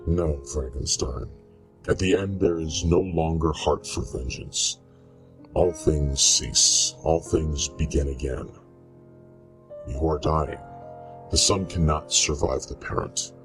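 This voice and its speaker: Very deep, sorrowful Frankenstein's monster. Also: male voice, soft background music, exaggerated voice. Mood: weary sorrow. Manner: solemn, slow, theatrical, archaic phrasing. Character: sorrowful monstrous man-made creature, weary, tender toward his creator. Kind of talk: melodramatic horror audio drama acting.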